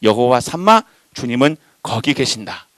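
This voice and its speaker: A man preaching a sermon, animated and emphatic, addressing the congregation directly. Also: moderate pace, no echo. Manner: animated, voices shifting pitch and loudness for emphasis.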